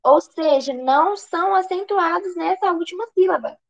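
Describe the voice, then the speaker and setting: A Brazilian woman with a high voice teaches grammar for an exam. She asks questions and answers them herself, often restarting her sentences. The recording sounds dull and lo-fi. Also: moderate pace, vocal fry. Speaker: exam prep tutor. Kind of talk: online grammar lesson.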